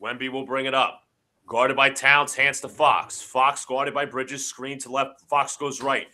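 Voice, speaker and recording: A man with a medium-pitched voice, speaking a little slowly, hosts a live stream where he calls basketball play-by-play and chats with his co-host. He sounds congested from allergies and is excitable, shouting on big plays during this watch-along commentary.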